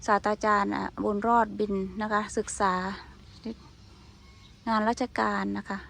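A woman's voice: medium pitch, flat delivery, unhurried, vocal fry, a bit bright, a little hiss or hum. A woman giving a casual walking tour outdoors on a hot day, chatting to her viewers and often apologizing. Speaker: vlogger.

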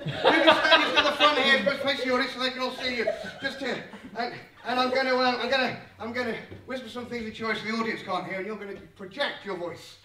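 A man's voice: extremely high pitch, steady tone, quick pace, background noise. A young man performing comedy magic live on a theatre stage, teasing volunteers in playful patter. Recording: roomy live hall miked from far, loud crowd.

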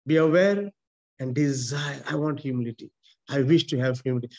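This man in his forties, not a native English speaker and with an Indian accent, preaches a sermon as a priest over a video call from a small chapel. His medium-pitched voice is fairly quick and a little mellow. He gestures, repeats himself emphatically, and often restarts, close to a webcam mic.

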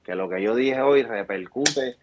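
A man's voice: mid-range voice, measured pace, dry recording. A man in his thirties with a Puerto Rican accent, a barbershop founder giving an emphatic, preachy motivational talk as an interview guest over a video call. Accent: Puerto Rican Spanish. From Puerto Rico. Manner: emphatic, preachy, gestures with hands. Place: small indoor room. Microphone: video call webcam. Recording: dull lo-fi video call audio.

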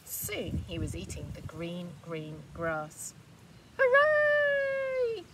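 A woman, a teacher reading a storybook aloud to children outdoors and inviting them to join in. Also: low voice. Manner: slow, expressive, asks children to join in. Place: outdoors by a grassy hill. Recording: far mic with outdoor traffic noise.

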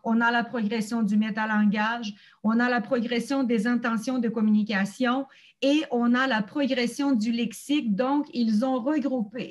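Higher-voiced woman hosting a teachers' meeting. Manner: explanatory, searching for words. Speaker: host of a teachers' community meeting. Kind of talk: online meeting presentation.

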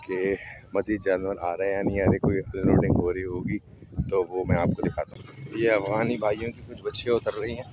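Guy vlogging at an outdoor cattle market, low-ish voice, chatty and admiring, loud street and animal noise behind. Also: little pitch movement, fairly quick. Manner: chatty, admiring, narrating to viewers. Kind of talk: casual live commentary. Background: animals, vehicles and street noise.

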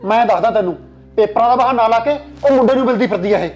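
Punjabi man for short-film drama, high quick voice, angry and commanding, music under. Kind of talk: melodramatic short-film acting.

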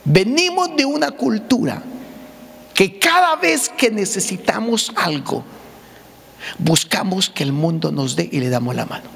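A man's voice: high-pitched, very animated, a little slow, creaky, a bit bright, husky. A man preaching a sermon as pastor, joking and telling stories as he teaches. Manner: humorous, storytelling preacher. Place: church sanctuary. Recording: long church hall reverb.

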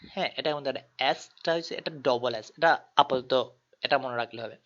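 A man's voice: mid-range voice, fairly quick, a bit bright. A man teaching a tutorial, patiently spelling out letters one by one. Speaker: language tutor. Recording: dull lo-fi recording.

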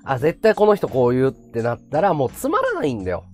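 Brief: chatty male streamer, pitch leaping all over, faint music in the background. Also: quick pace. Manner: chatty, animated, laughs a lot. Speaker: livestream host. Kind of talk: casual chat to viewers.

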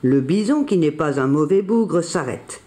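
A storyteller reading a children's picture book aloud in a gentle, expressive way. The reading is unhurried, and the voice moves up and down a lot to carry the story. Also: mid-range voice.

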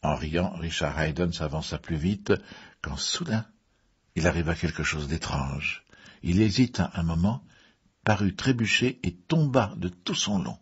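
A man narrating a mystery story in the first person, in a measured reading with occasional fillers. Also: low voice, expressive, slightly rough, dull audio. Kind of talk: audiobook reading.

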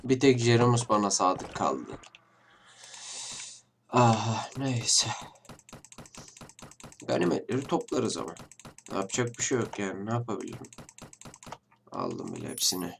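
Gravelly-voiced man playing a game. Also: lowish voice, sing-song, unhurried, long pauses, a little hiss or hum. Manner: chatty, talks to viewers while playing, mock-tough banter. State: blocked nose. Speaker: gaming channel host. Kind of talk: casual let's-play commentary. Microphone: desk microphone. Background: faint game music and keyboard clicks.

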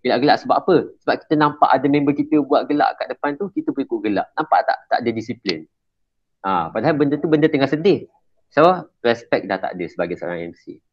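A man's voice: medium pitch, lively intonation, fast talker, slight background noise. A man giving an informal workshop lecture to school prefects, chatty and often checking whether his listeners understand. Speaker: emcee trainer for school prefects. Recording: slightly dull lo-fi recording.

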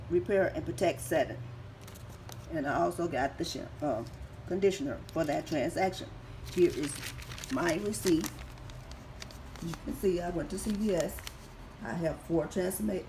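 A raspy, mellow-voiced woman in her 50s with a fairly low pitch slowly walks through her shopping haul, methodically reading prices off receipts. She's a couponing vlogger who is recovering from surgery and keeps the walkthrough casual. The recording, from a phone camera held over the items, has an echoey home room sound and faint background noise.

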